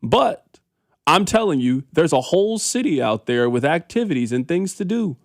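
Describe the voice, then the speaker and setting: Male talk radio host: high and very lively, opinionated, colloquial, emphatic, recorded dry. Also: normal speed, dry recording. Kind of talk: casual sports talk radio banter.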